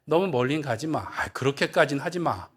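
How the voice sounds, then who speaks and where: A man's voice: a little high, lively intonation, brisk, fairly bright tone, husky. A man preaching a sermon, playing a coaxing tempter spirit in a sermon retelling. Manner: coaxing, wheedling persuasion. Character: sweet-talking tempter spirit, coaxing and soft.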